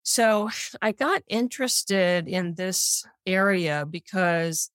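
An older woman with a Tidewater Virginia accent, explaining things in a measured, conversational way as an interview guest. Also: on the low side, no echo, studio quality. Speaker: interview guest, clinical psychologist.

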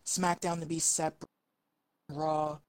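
A woman co-hosting a casual podcast chat over a remote call whose audio glitches and keeps breaking up, so her words come out halting and cut off. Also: low voice, level tone, no room sound.

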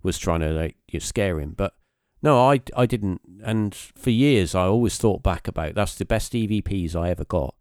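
A man's voice: sits low, expressive, normal speed, few pauses, darkish tone, dry recording, clean studio sound. A man, hosting a podcast and recounting a story casually, rambling with many fillers and restarts. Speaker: podcast host.

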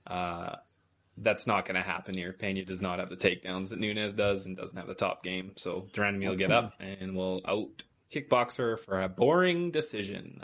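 A man's voice: sits low, fairly bright tone. A man co-hosting a casual sports podcast, giving blunt, clipped fight verdicts. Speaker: podcast co-host.

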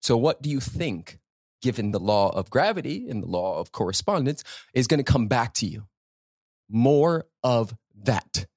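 A man's voice: mid-range voice, big pitch swings, moderate pace, darkish tone, husky, no echo, clean studio sound. A man hosting a spiritual self-help podcast, speaking off the cuff in an emphatic, preacherly way, with rhetorical questions and repetition. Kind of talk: impromptu motivational talk.

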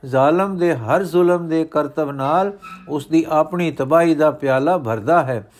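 A man voicing a grave, steady guru father. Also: fairly high pitch, measured pace, close to an everyday voice. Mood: commanding. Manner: solemn, declamatory, steady.

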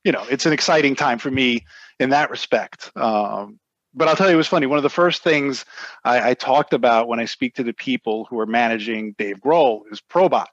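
A man's voice: mid-range voice, a little fast, fairly bright tone, no room sound. Middle-aged American man, dull dry recording. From United States. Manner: rambling, frequent "you know". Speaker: interview guest, music industry lawyer. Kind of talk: casual reminiscing conversation.

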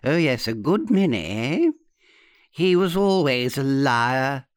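A man reading a story voices a sour, half-blind old aunt who croaks out her words slowly. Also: mid-range voice, sing-song, no echo, clean studio sound.

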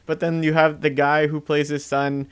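A man's voice: fairly high pitch, moderate pace, clear, resonant tone. A man in casual film chat with friends, swearing freely and laughing. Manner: swearing, laughing, animated asides.

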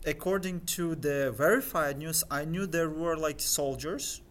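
A young man whose first language is Crimean Tatar appears as a guest in a casual English interview. His voice is fairly high, and he sounds hesitant, using many fillers and pausing often to search for words.

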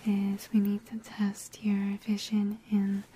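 A woman whispering softly and calmly through an ASMR exam roleplay, guiding the listener step by step. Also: medium pitch, slight background noise. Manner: soft unvoiced whisper, slow and calm.

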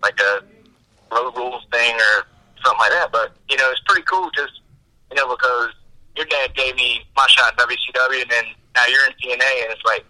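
A man's voice: medium pitch, fairly quick, sharp tone, poor audio. A man calling in over a phone on speakerphone, chatting casually and laid-back, often saying "man" and "dude". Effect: heard over a phone on speakerphone. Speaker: phone-in guest.

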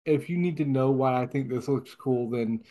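A man hosting a casual podcast, relaxed and halting, often stammering and restarting. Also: medium pitch. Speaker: podcast host.

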